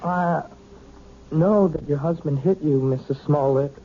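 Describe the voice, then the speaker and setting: An actor playing an earnest young male piano student of twenty in a radio drama, halting yet insistent. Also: on the high side, warm tone, slight background noise. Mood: concerned, insistent. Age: young adult. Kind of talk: 1970s radio drama acting. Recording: dull lo-fi old radio recording.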